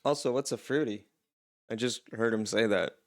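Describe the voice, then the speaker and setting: A young Canadian man hosts a reaction video, chatting casually about a show in a fairly low voice at a moderate pace. He wonders aloud and laughs between his remarks.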